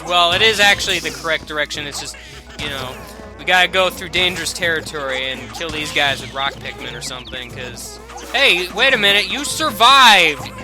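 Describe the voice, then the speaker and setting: A young man casually commenting on a video game as he plays, rambling and jokey, with sudden loud excited outbursts. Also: a little high. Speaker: let's play commentator.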